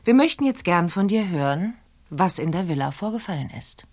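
A skeptical, low-voiced detective. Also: female voice, animated, normal speed, a little mellow. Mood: stern. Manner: interrogating, skeptical. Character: stern female police detective.

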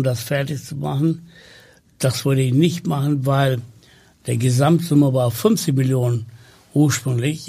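This Sri Lankan man, a native Tamil speaker, is a podcast guest in a conversational interview. He talks slowly and hesitantly, with lots of fillers, in a gravelly, mellow voice at mid-range pitch.

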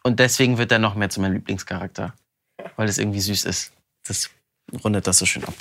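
A man answering interview questions in quick, animated bursts with a bright, forceful edge to his voice. His pitch sits on the lower side, and he keeps up a lively, talkative manner. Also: vocal fry. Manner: animated and chatty, quick bursts, frequent laughs. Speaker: voice actor interviewed about his audiobook.

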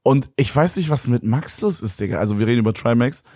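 Fast-talking slangy young man. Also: mid-range voice, animated, a little mellow, no echo, studio quality. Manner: slangy, rapid storytelling with youth slang. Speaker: podcast co-host. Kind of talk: casual podcast chat.

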